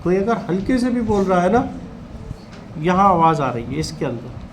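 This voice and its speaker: A man teaching in a classroom, calmly coaxing students during a test and calling them by name. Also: sits high, normal speed, a little hiss or hum.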